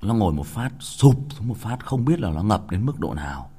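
A man's voice: fairly low pitch, sing-song, normal speed, mellow, breathy edge. A man telling a childhood story in a crude, colloquial way. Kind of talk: casual storytelling.

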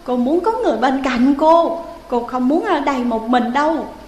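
A woman's voice: high-pitched, expressive, moderate pace, a little mellow, echoey room, big-room sound, voice pushed up. A woman voicing the ghost of a young woman who is childish and clingy, with a whiny, pleading way of talking.

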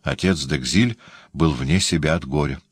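Deep-voiced male audiobook narrator. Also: moderate pace, husky, no room sound, clean studio sound. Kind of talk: scripted narration.

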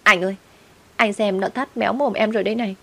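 A woman's voice: fairly low pitch, fast, fairly bright tone, breathy edge. A woman voicing a young ex-wife who pleads and whines. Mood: whining. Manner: pleading, tearful.

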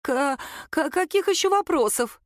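A woman's voice: high voice, expressive, brisk, no room sound, clean studio sound, voice pushed up. A woman voicing a frightened secretary who stammers and pleads in a trembling voice.

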